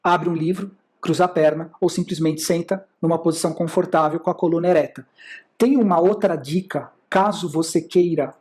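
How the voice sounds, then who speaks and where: In a mid-range, slightly mellow voice at normal speed, an instructor with a Brazilian Portuguese accent lectures over slides on communication and sales. Explanations are punctuated by rhetorical questions the speaker answers.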